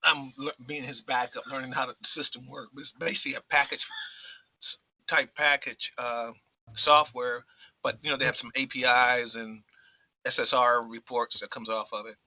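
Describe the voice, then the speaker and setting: A man's voice: medium pitch, steady tone, moderate pace, sharp tone, no room sound, rough recording. A man on a video call, talking hesitantly with many fillers while eating lunch. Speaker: developer at a clerk's office. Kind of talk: casual chat.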